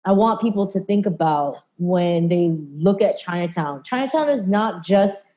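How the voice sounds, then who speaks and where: Earnest woman, mellow lowish voice. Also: lively intonation, moderate pace. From California, USA. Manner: earnest, many fillers and restarts. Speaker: photographer in a panel talk. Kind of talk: conversational panel discussion.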